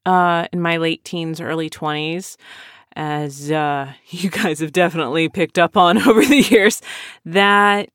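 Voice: mid-range voice, a little slow, a bit bright, smooth, dry recording, studio quality. A podcast host in their late thirties, chatting casually and answering listener questions in a self-deprecating, rambling way. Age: 30s. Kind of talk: casual chat.

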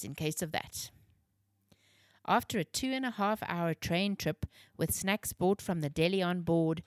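A woman reads a children's story with clear, measured delivery. Her voice sits on the low side, and the recording is close and completely dry. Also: no room sound.

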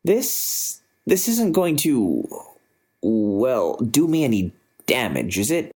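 A man voicing a nervous middle-aged male intelligence agent who speaks in hesitant, halting bursts, much higher than his own voice. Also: huge pitch swings, darkish tone, slightly rough, heavily acted.

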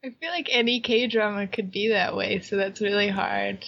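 A woman's voice: medium pitch, steady tone, normal speed, creaky, a little hiss or hum. Bubbly woman host on a muffled mic. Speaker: podcast co-host. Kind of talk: casual chat.

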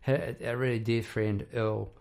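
A man hosts a casual, reflective monologue as a working musician. His voice is croaky and gravelly, with plenty of fry. He speaks in a halting, rambling way, doubling back on his words as he thinks aloud. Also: fairly low pitch, fairly even intonation, darkish tone. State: croaky voice after poor sleep. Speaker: songwriter and musician hosting a half-hour talk.

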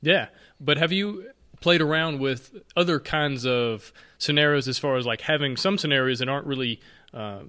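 A man hosting a podcast interview, talking in an upbeat, friendly way and asking quick questions. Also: medium pitch, pushed and bright. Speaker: podcast host. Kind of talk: casual interview chat.

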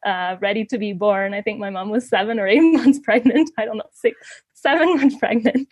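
Her mid-range voice has a darkish tone at normal speed as this thirtysomething Canadian woman tells casual stories as an interview guest, often laughing amid fillers and restarts. The recording is muffled, with no echo.

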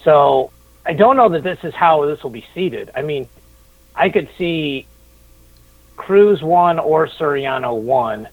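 A man's voice: fairly high pitch, slow, dry recording. Man on a tinny phone line. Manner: relaxed, thinks aloud with some restarts. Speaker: co-host, rankings analyst. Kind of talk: sports podcast chat.

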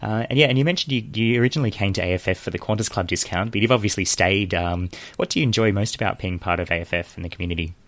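A man's voice: on the low side, rapid-fire, few pauses, fairly bright tone, no echo. A man hosting a casual interview and asking friendly questions. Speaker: podcast host, interviewer.

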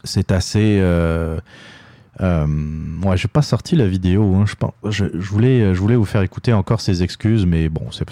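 A Québécois man with a low, warm voice hosts a political commentary show, delivering an opinion monologue that is hesitant and full of fillers and restarts. The sound is clean studio quality with no echo.

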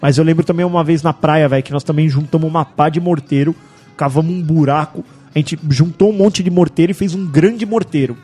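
A man's voice: on the high side, fairly quick, warm tone, husky, soft background music. A man hosting a casual podcast chat, telling stories in slang with sound effects. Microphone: studio microphone with headphones.

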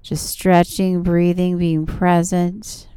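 A woman's voice: lowish voice, level tone, slow pace, dark tone, clean tone, dry recording. A woman yoga instructor leading guided stretching and relaxation in a soothing, encouraging manner. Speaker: yoga instructor and show host.

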